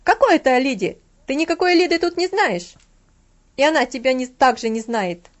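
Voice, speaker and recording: A woman voicing a furious middle-aged housekeeper who shouts and scolds a boy in a storybook reading. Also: high-pitched, big pitch swings, brisk, highs cut off, voice pushed up. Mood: angry shouting.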